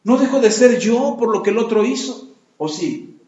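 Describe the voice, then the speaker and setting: A man preaching a sermon as pastor, acting out quoted complaints in lively voices. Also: extremely high pitch, moderate pace. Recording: echoey, muffled lo-fi room recording.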